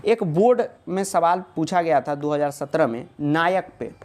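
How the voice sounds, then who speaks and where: A man's voice: a little high, moderate pace, darkish tone. A man teaching a casual online video lesson. He asks questions and answers them himself, joking with students and reassuring them.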